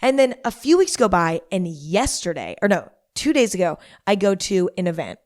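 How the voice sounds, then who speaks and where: A woman's voice: medium pitch, sing-song, moderate pace, darkish tone, dry recording, studio quality. A hungover young adult woman hosting a podcast as a casual, rambling monologue, repeating herself for emphasis. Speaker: podcast host.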